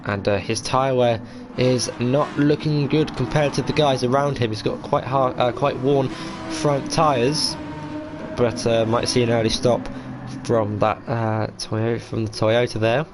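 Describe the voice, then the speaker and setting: Man, motorsport commentator, live sim-race play-by-play, mid-pitched voice, hesitant fillers, vehicle noise behind. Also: steady tone, a little slow.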